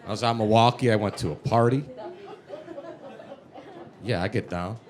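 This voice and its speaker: A man's voice: lowish voice, normal speed, a faint crowd. A man with a thick Chicago accent doing brash, streetwise stand-up comedy. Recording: noisy live comedy room.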